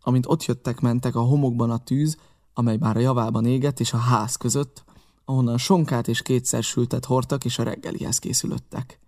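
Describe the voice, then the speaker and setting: A man reading a novel aloud in measured, even audiobook narration. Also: medium pitch. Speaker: audiobook reader.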